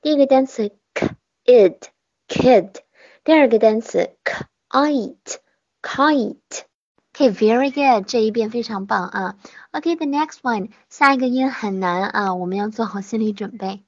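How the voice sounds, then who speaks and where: Woman teaching pronunciation, patient, slightly high voice, dry dull lo-fi sound. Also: no echo. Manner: patient, models sounds slowly and repeats them. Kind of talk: online phonics lesson.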